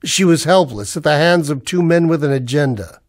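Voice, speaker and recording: Acting lightly, a man with a fairly high voice speaks at normal speed with animated delivery. He plays a tense, defiant hero recounting a noir sci-fi ordeal in first person, old radio drama style, hard-boiled and urgent, with a grim, reflective mood typical of 1940s broadcasts.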